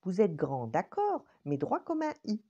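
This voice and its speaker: A woman's voice: medium pitch, huge pitch swings, unhurried, warm tone, lo-fi sound, voice pushed up, heavily acted. Grandmother voicing a curious polite index finger. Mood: reassuring.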